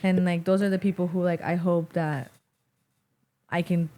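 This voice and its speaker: In a small studio with wooden tables, a boom-mounted mic captures a young adult podcast guest with a Mexican American accent. Her lowish, warm voice keeps a level tone at a normal pace as she rambles through casual interview chat, leaning heavily on "like."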